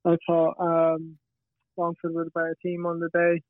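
Young male, west of Ireland accent. Very monotone, understated interviewee on a dry, narrowband line. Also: on the high side, normal speed, no room sound. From Galway, west of Ireland. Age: young adult. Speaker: footballer, podcast guest. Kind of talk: casual interview answers. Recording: tinny band-limited radio-like line.

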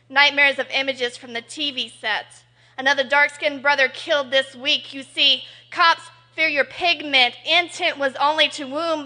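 A woman on a poetry cafe stage, talking nervously between halting pauses and performing spoken-word poetry. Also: high-pitched, sharp tone. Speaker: performing poet.

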